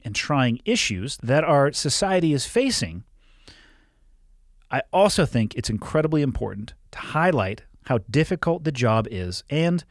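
A man's voice: mid-range voice, no room sound. A man in his thirties hosting a podcast, chatting casually into a studio mic and swearing freely. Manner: swears casually, lively delivery. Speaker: podcast host. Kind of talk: casual interview chat. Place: small studio with curtained walls. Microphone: studio mic on boom arm, headphones.

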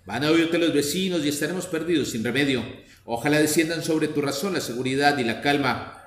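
Man doing a slow, lamenting old mother, low and soft, storybook reading in an echoey room. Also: natural voice. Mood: pleading. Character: pleading old mother, pious and tearful. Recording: echoey room with faint noise.

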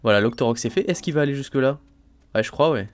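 A man casually commenting on his gameplay as a let's play host, thinking aloud, full of fillers and excited exclamations over each new find. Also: mid-range voice, quick pace. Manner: chatty, thinks aloud, frequent "hein" and "euh" fillers.

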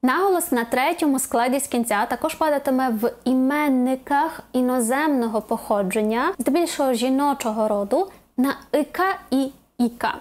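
Woman language teacher, high-ish voice, clear and methodical explainer, slows on examples. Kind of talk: video lesson explaining stress rules.

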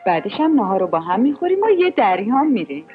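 A polite young lady. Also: a little high. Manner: lively, polite, surprised. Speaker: landowner asking for a loan. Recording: tinny old film soundtrack with music.

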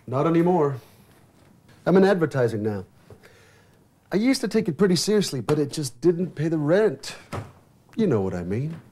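A man's voice: on the high side, very animated, moderate pace, pauses often, mellow. An actor playing an awkward young man, flustered and given to dry comebacks, in film dialogue.

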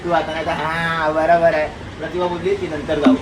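A man's voice: on the high side, level tone, a little fast, very noisy. A young man, chatting casually to viewers and family in a home vlog shot on a phone. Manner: chatty, addresses viewers directly. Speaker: vlogger.

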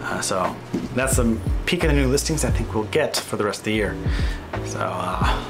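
A man's voice: lowish voice, lively intonation, moderate pace, music in the background. A man in his thirties, a real estate agent, giving a casual screen-share market update, thinking aloud with fillers and self-corrections.

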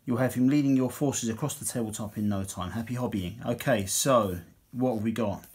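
Husky man reviewing a magazine. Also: medium pitch, a little fast, a little mellow. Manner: chatty, dry asides, reads text then comments. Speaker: hobby reviewer. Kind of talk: casual magazine review, reading excerpts aloud.

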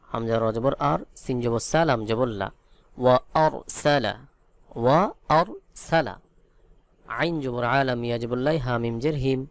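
A man's voice: medium pitch, darkish tone, dry recording. Bangladeshi man patiently spelling out verses. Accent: Bangladeshi Bengali. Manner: slow, drawn-out syllable-by-syllable spelling with chanted recitation. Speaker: Quran teacher. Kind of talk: spelling-out Quran recitation lesson.

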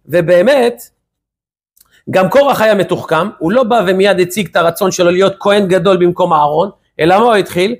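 Husky high-voiced rabbi teaching. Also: male voice. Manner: lively storyteller asking rhetorical questions. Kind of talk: weekly Torah lesson.

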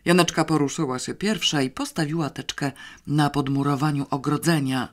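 Steady audiobook narrator reading a novel. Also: medium pitch, normal speed. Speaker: audiobook reader. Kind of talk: novel read aloud.

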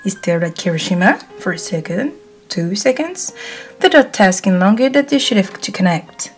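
Calm woman narrating fanfiction. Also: medium pitch, normal speed, faint music behind. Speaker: fanfiction reader.

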